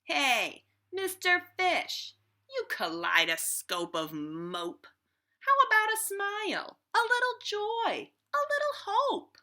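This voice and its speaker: A woman voicing a squirmy, slightly rude female squid in a storybook, talking loud, squeaky and pushy. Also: huge pitch swings, takes it slowly, heavily acted. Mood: teasing.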